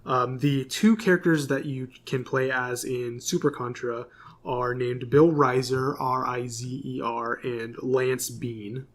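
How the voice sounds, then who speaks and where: Speaking slowly in a steady, mid-range voice, a podcast co-host casually goes through corrections he's reading from notes. His delivery is full of fillers.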